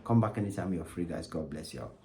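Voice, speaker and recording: A young Nigerian man with a slightly low voice delivers his opinions to camera. He talks emphatically, circles back over his points and keeps asking the viewer if they understand. His Nigerian accent colours every line. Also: quick pace, slight background noise. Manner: animated, emphatic, repetitive, asks "you understand?". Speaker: vlogger. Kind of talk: opinion commentary vlog.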